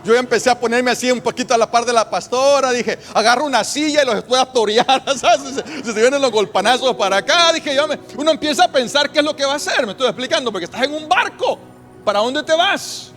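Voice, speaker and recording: A man preaching a sermon as a pastor, telling stories with emphasis and drawn-out pauses. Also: very high voice, fairly bright tone, soft background music.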